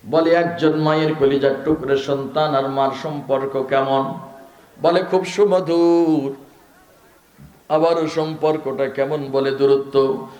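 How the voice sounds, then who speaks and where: A man's voice: on the high side, fairly even intonation, slow pace, darkish tone, roomy sound. A man preaching an emotional sermon, rising and repeating phrases and chanting verses in a melodic sing-song.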